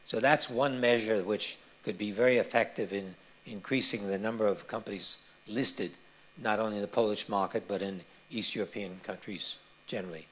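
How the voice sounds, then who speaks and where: A man answering audience questions at a conference, explaining points in a measured way with frequent hesitations. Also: fairly low pitch, a bit bright.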